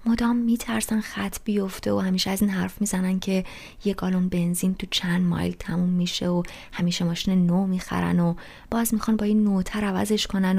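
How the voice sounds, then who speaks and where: A woman voicing a restless teenage boy who rants loudly about everything in an audiobook reading. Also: mid-range voice, creaky. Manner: loud, rushed, ranting complaints.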